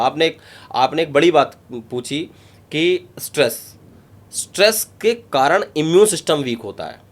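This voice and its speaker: An emphatic yoga guru, a man, explaining breathing practice in an interview. His voice sits a little high for a man. He repeats key points and lays them out step by step. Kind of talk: instructive interview talk.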